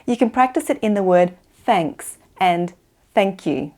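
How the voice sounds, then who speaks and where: An Australian woman giving an instructional pronunciation lesson, enunciating slowly and carefully for language learners. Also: mid-range voice, lively intonation, darkish tone, slight background noise. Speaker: English pronunciation teacher.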